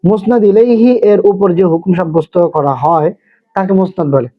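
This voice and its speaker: A Bangladeshi man with a fairly high voice and Bangladeshi Bengali accent delivers a methodical grammar lecture, explaining each term with examples and then summarizing. He is expressive, a little fast and patient like a classroom teacher, though the sound is narrow and tinny, like a phone line.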